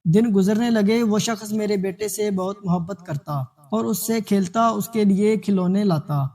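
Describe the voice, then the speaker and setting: A man with a notably high voice reads a sorrowful life story in the first person. He keeps a steady, grave storytelling tone throughout. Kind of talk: scripted narration of a true-life story.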